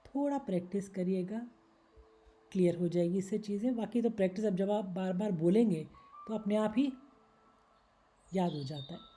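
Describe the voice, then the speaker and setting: A woman teacher explains grammar rules patiently, step by step, over slides. Her voice is very bright and tense. She pauses to read each example word. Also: mid-range voice, faint music behind. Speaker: English teacher. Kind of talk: slide-based Hindi grammar lesson.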